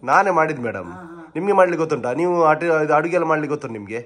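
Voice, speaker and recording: A young man, teasing his family with rapid questions in a playful vlog chat. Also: fairly high pitch, expressive, a bit bright. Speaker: vlogger interviewing family members.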